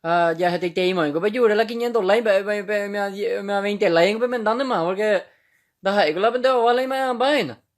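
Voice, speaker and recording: A man's voice: sits high, moderate pace, no room sound. A man doing a comic monologue, rambling in mumbled, clipped slang. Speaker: comedian.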